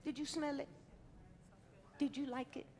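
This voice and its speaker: Speaking at a measured pace with fairly even intonation, a middle-aged woman chef uses a high, slightly mellow voice. She leads a live cooking demonstration on a stage in a large hall, teasing the crowd good-naturedly through a headset mic. Long hall reverb colors the sound.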